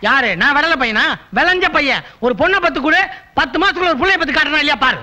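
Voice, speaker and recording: A man's voice: extremely high pitch, expressive, fast talker, sharp tone. A man acting in a Tamil film comedy scene, cheeky and wisecracking.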